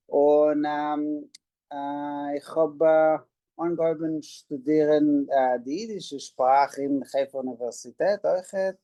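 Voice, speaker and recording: Halting Israeli-born man, dark voice. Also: mid-range voice, dry recording, low-quality recording. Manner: halting, many filler sounds. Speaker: guest, Yiddish scholar. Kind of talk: interview answers.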